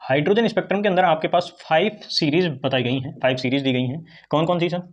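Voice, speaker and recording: Male teacher, quick and chatty lecture delivery, keeps asking and answering his own questions. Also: fairly high pitch. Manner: repetitive call-and-response questioning; fast, chatty explaining with Hindi-English mix. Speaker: chemistry teacher. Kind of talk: online classroom lecture.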